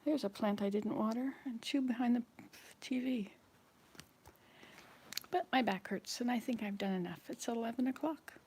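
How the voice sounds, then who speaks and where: Cleaning her house indoors, a woman vlogger in her 60s rambles casually to viewers, moving from one chore to the next. She speaks at a moderate pace in a slightly high, darkish-toned voice, with slight background noise.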